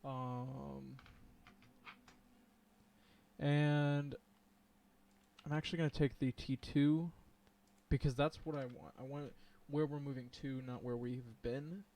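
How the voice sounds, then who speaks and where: A man's voice: medium pitch, little pitch movement, slow, vocal fry, long pauses, warm tone. A man streaming live as he codes, thinking aloud and chatting with viewers, with plenty of ums and hesitations. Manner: rambling, thinks aloud, says um a lot; chats and laughs with viewers. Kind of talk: live coding stream commentary.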